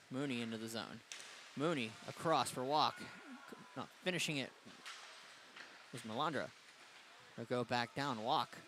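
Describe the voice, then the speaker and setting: Male play-by-play announcer, mid-pitch, brisk delivery, faint noise behind. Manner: brisk, rises in excitement on goals. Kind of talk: hockey play-by-play commentary.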